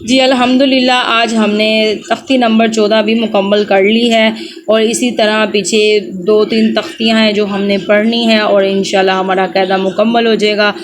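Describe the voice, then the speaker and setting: A woman teaching beginners to read the Quran, spelling out each letter and sound slowly before reciting the verse. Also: medium pitch, level tone, noisy background. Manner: slow, drawn-out letter-by-letter drilling.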